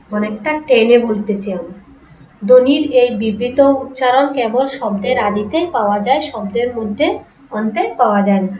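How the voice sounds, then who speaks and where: Female teacher, slightly high voice, patient repeating lecture, roomy lo-fi recording from afar. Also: slight background noise. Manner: explains slowly, repeats example words, asks rhetorical questions. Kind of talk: online class lecture. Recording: echoey room, distant lo-fi mic.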